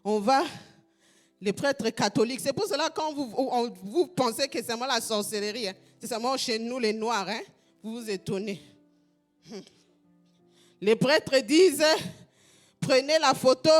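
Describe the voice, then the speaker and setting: A woman pastor from Congo preaching a fervent sermon, repeating phrases in a half-sung shout. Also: high-pitched.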